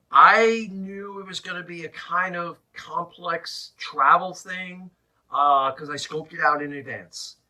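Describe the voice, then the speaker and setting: A man tells a personal story in a very bright, forceful voice that sits a little high. His delivery is animated and emphatic, with dramatic pauses. He is recorded in an attic, a little way from the microphone. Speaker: religious presenter and storyteller. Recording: slightly distant mic in an attic.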